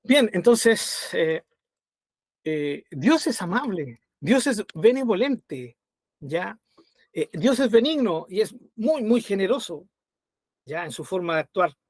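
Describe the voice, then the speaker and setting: High-voiced man teaching Bible study. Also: sing-song, slow, no echo. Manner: conversational, checks in with frequent tag questions.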